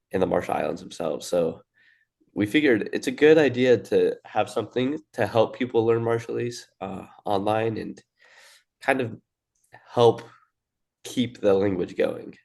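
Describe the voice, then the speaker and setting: Young male co-host, gravelly, easygoing lesson delivery. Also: on the low side. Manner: relaxed, explains with fillers and restarts. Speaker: language teacher. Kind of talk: casual lesson.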